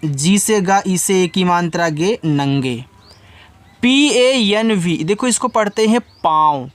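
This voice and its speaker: A man teaches English reading in a fairly high voice. He spells each word out letter by letter and sounds out the syllables patiently. He drops in casual asides to his students.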